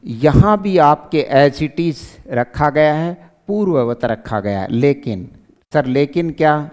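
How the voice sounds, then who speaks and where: Guy teaching a syllabus lesson, asks himself questions n answers, smooth voice, lots of echo. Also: a little high, lively intonation, takes it slowly, darkish tone. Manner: explanatory, repeats key points. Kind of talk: exam syllabus lecture. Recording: clear voice with long reverb.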